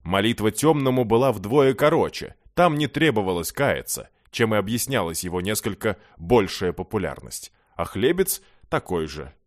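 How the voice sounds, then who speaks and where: A man reading a fantasy novel aloud as an audiobook narrator, telling the story in an even, measured way with dry ironic asides. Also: fairly low pitch, dry recording.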